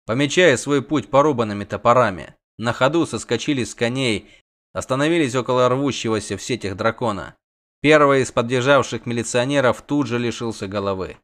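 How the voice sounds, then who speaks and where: A man reading a fantasy novel aloud as audiobook narrator, in a steady storytelling manner. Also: mid-range voice. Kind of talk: scripted narration.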